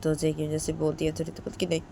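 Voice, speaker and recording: A woman with a low voice narrates a romantic story, chaining events together in long run-on sentences. Her delivery is plain and steady, and faint noise sits in the background. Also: fast talker, creaky. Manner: plain, run-on narration with many linking words.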